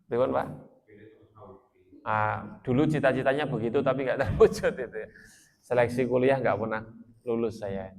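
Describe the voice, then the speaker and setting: An Islamic preacher from Magelang, Central Java, speaks with a Central Javanese accent in a medium-pitched, gravelly, slightly mellow voice at a moderate pace, pausing often. He delivers a sermon to a village gathering in a chatty, joking style, putting questions to the audience.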